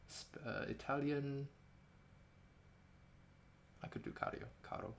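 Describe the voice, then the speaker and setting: On a live stream for his indie game devlog, a man with a light New Zealand accent chats in a casual, wry, rambling manner, often correcting himself. His voice is medium-pitched with huge pitch swings and vocal fry, and he talks slowly over slight background noise.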